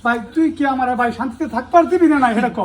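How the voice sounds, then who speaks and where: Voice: high-pitched, very fast, very noisy. A performer, playing an exasperated husband in a comedy sketch. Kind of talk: scripted comedy skit.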